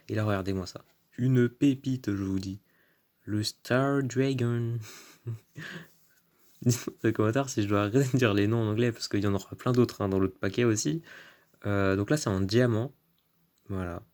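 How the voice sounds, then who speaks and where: A man's voice: fairly low pitch, a little mellow. Chatty man showing off his cards. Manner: chatty, trailing fillers like "euh" and "hein"; enthusiastic, drawn-out card names. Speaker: YouTuber showing his card collection. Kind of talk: casual unboxing-style vlog commentary.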